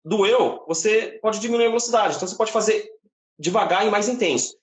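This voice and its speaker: A man with a Brazilian Portuguese accent giving a casual live-stream singing lesson from home, explaining in a relaxed way with frequent tag questions. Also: sits high, fairly quick, roomy sound. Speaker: singing teacher. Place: home, indoors.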